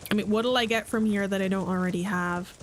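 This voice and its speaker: A young woman streams a video game, chatting and joking casually with her chat in rambling asides. Her medium-pitched voice is fairly even and a little fast, with loud music behind the stream and slight background noise.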